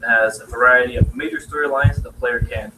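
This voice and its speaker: A young man casually pitching his game in a live presentation, halting and full of fillers. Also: fairly even intonation. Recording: distant mic in noisy room.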